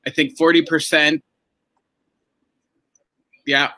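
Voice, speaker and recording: A man's voice: a little high, flat delivery, slow pace, bright, forceful tone, no room sound, clean studio sound. A man, a doctor calling in from work over a video call, giving brief, matter-of-fact updates while his audio keeps cutting out. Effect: choppy audio cutting out on a bad connection. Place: at his workplace.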